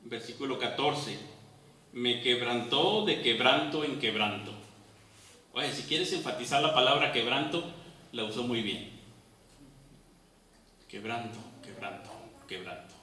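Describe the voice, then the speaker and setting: A man preaching a sermon, swinging between loud emphasis and quiet, low reading. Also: measured pace, slight background noise. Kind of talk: expository sermon. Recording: echoey hall, voice from far off.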